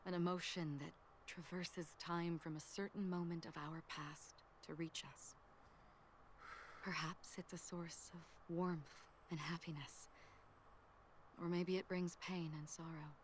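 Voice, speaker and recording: A woman voicing a gentle young woman who narrates a farewell in soft, breathy game narration, hushed and half-whispered. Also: on the low side, level tone, measured pace, background noise, natural voice. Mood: wistful.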